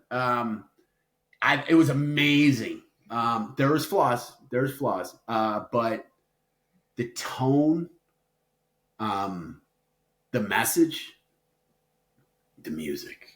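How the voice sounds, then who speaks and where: A man co-hosts a relaxed podcast chat, wandering through his points with plenty of filler words and bursts of playful drama. His voice sits at a middling pitch. The room around him rings with a noticeable echo. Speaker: podcast co-host. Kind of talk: casual chat. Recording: roomy echo.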